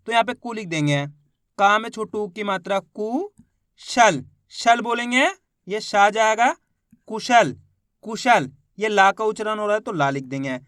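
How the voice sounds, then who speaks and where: Male reading teacher, high-pitched, dry close sound, patient syllable-by-syllable delivery. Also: sharp tone, dry recording. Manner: sounds out syllables slowly, asks pupils questions. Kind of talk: step-by-step spoken lesson.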